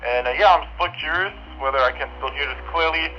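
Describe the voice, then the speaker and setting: A man with a slightly high voice speaks at a quick pace while reviewing products, repeating phrases during a walkie-talkie range test. The lo-fi, band-limited radio audio carries music and slight background noise.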